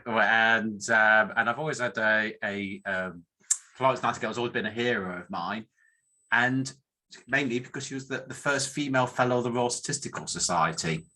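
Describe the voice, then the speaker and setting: Over poor audio, a middle-aged statistician from northern England speaks in a low-leaning, pushed and bright voice at normal speed. His informal career presentation, in a northern English accent, is meandering and self-deprecating, with frequent restarts.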